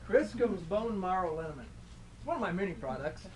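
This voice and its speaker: Folksy traveling salesman, male performer, comic mock-sincere patter, halting delivery, distant and slightly noisy live recording. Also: high voice, sing-song. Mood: wry selling. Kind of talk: live comic sponsor pitch. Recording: distant mic, light background noise.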